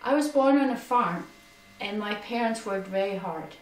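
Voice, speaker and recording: A middle-aged Danish woman giving an earnest personal testimony, her voice sinking quieter on sad memories. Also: mid-range voice, lively intonation, moderate pace, slight background noise. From Denmark. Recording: echoey room, distant from mic.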